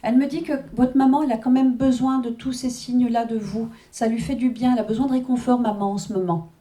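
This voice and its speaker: Woman medium, live reading, mellow tone, fairly high voice, chatty, keeps checking in with listeners. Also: fairly even intonation, fast. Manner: chatty, constant "hein" and "d'accord" check-ins, frequent laughs.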